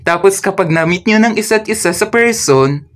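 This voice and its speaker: A man's voice: high voice, normal speed. A man with a Filipino accent telling embarrassing stories in a playful, self-mocking narration for his cartoon. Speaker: animator and narrator. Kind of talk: comedic storytelling narration. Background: soft music.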